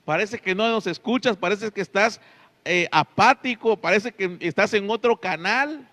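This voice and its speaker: A man's voice: high-pitched, normal speed, pushed and bright. A man preaching a Sunday sermon as pastor, stressing key words and often asking his listeners "right?". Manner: emphatic, drawing out key words, frequent tag questions.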